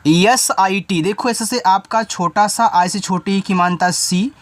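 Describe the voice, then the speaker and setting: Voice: medium pitch, a little slow, dry recording. Teacher patiently spelling out English words. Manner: spells words letter by letter, then explains meaning; talks directly to the learner, informal. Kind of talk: step-by-step spelling lesson.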